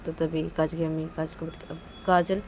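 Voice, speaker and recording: A woman's voice: low voice, monotone, brisk, mellow, slight background noise. A woman narrating a story casually, retelling it plainly and with many repeated links.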